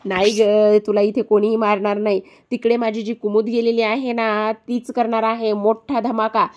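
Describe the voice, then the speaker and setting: A woman's voice: a little high, little pitch movement, normal speed, a little mellow, natural voice. A woman voicing a scheming male villain who gloats over his plans. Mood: gloating. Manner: gloating, menacing.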